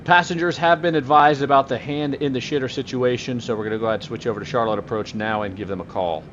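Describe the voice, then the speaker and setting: A man playing an airline pilot over a cockpit headset mic, making radio calls and narrating in a brisk, dry, joking way with casual swearing. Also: mid-range voice, muffled recording, background noise. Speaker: flight simulator streamer playing airline pilot.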